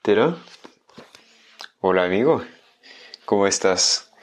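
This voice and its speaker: A man's voice: on the low side, lively intonation, takes it slowly. A man hosting a casual video lesson, chatting directly with the viewer and slipping Spanish phrases into his explanations. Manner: drops into Spanish phrases between French explanations. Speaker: Spanish teacher and channel host.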